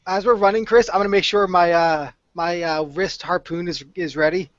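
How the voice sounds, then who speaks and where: A man's voice: sits high, steady tone, moderate pace, no room sound. A man playing in a tabletop game, rambling and joking as he declares his moves. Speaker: player. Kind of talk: casual tabletop game play. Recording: dry, dull lo-fi recording.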